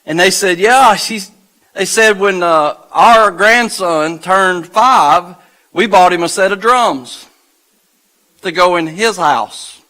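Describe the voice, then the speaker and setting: A man preaching a sermon as pastor in a church, slow and deliberate, building in intensity as he reads scripture. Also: high voice, pushed and bright, poor audio. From United States. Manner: slow, deliberate delivery with dramatic pauses and rising intensity. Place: church sanctuary. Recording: live church livestream.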